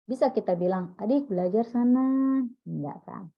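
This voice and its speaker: A woman's voice: fairly high pitch, normal speed, lo-fi sound. A woman teacher giving a classroom lecture, explaining step by step and quizzing her listeners with questions as she goes.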